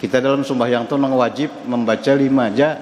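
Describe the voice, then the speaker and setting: A man's voice: medium pitch, steady tone, quick pace, a little mellow. Fields: Sex: man. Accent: Banjar. Role: mosque teacher. Style: study-circle lecture. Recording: echoey hall with long reverb, faint noise. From South Kalimantan, Indonesia. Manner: conversational, asks the audience questions and chuckles. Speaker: religious teacher.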